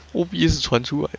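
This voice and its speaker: A man's voice: mid-range voice, vocal fry, dull audio, background noise. A man streaming a game live, muttering to himself and cursing as he fiddles with his settings. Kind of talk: live gameplay stream chat.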